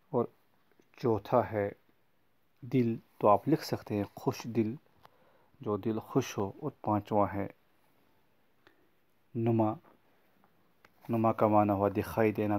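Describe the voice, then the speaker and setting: Patient man teaching young pupils. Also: lowish voice. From Kashmir. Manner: patient, explains words slowly and repeats them for children. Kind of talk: recorded lesson for schoolchildren.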